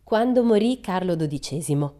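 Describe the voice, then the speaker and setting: A woman's voice: on the low side, animated, normal speed, mellow, pitched above the performer's own voice, close to an everyday voice. A woman voicing a strict, cold schoolmistress in a storybook reading, severe and prim. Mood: stern.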